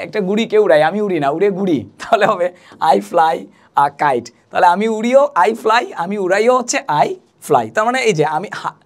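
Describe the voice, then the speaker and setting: A young woman teaching an English lesson, patiently repeating and spelling out each word. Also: medium pitch. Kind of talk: spoken language lesson.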